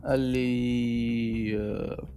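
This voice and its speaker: A man's voice: mid-range voice, little pitch movement, extremely slow, mellow, soft background music. A man from Syria with a Syrian Levantine Arabic accent, casually telling a personal story and re-enacting dialogue as he goes. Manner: conversational, re-enacts dialogue as he tells it.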